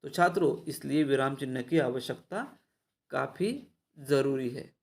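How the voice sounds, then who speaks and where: A man teaching an online Hindi grammar lesson in a measured way, speaking to his students directly. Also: medium pitch, vocal fry. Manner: measured, addresses the students often.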